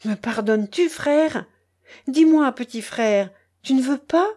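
A woman's voice: a little high, sing-song, slow, darkish tone, pitched above the performer's own voice, full character voice. Woman voicing a pleading young peasant man. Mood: tearful pleading. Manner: begging, tearful.

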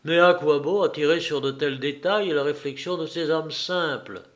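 A man reading a first-person novel aloud as an audiobook narrator, in a measured, deliberate way. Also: on the high side.

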